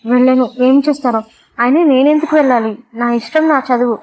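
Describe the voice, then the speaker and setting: A woman's voice: high voice, fairly quick, a little mellow, lightly acted, poor audio. A woman voicing a timid young village girl. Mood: defiant. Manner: pleading.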